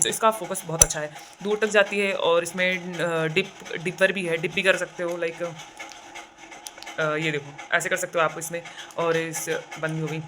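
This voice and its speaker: A young woman from India chatting casually in a vlog, telling stories, with a sore throat and a cough now and then. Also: on the low side. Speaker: vlogger.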